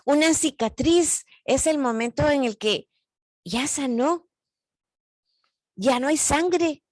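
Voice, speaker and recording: A woman's voice: high-pitched, expressive, no echo. A woman leading a parent workshop, speaking earnestly, with frequent repeats and restarts. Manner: slow, repeats words and restarts often; earnest, gently urging listeners. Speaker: parent training facilitator. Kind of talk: teaching a workshop on grief.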